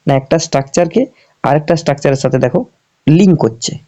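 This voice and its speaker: A man teaching English grammar in a lesson, asking questions and answering them himself, and reading example sentences out slowly. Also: on the high side, warm tone. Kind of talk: explanatory classroom lesson. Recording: dull lo-fi recording.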